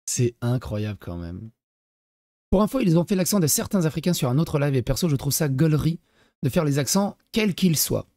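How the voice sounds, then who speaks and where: A man's voice: on the high side, big pitch swings, moderate pace, a little mellow, dry recording. Sarcastic man streaming reaction commentary. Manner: sarcastic, mocking asides; reads chat messages aloud. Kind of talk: casual live-stream commentary.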